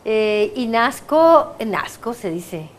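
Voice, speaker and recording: A woman from Guatemala with a Guatemalan accent, giving her testimony as an excited, laughing guest who trips over her words. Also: a little high, slow. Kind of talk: casual interview chat.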